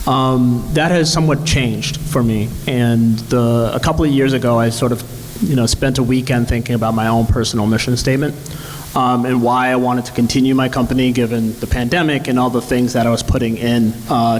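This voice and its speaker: A male founder from Zambia speaks earnestly and reflectively on a panel, at a medium pitch. A long hall echo hangs on his words over a faint hiss. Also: steady tone, brisk. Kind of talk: panel discussion answer. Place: event hall.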